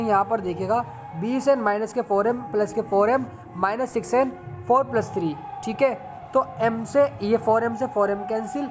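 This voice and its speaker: A man teaching a math lesson step by step, repeating phrases and often checking in with his viewers. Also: high-pitched. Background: background music.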